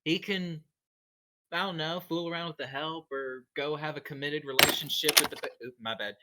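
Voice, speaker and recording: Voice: medium pitch, measured pace, very noisy, close to an everyday voice. A player doing a breezy, offhand bride-to-be.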